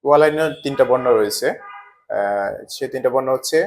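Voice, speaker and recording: Male teacher, mid pitch, patient stepwise explanation with rhetorical questions. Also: a little fast. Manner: asks questions and answers them himself, repeats patterns. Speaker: Japanese language teacher. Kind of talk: explaining a lesson step by step.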